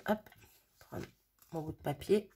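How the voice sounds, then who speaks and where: This crafting vlogger, a mother, makes a card at her home craft table on a sunny day, chatting casually and thinking aloud in a tutorial style. She speaks low and a little slowly, in a mellow, slightly rough tone.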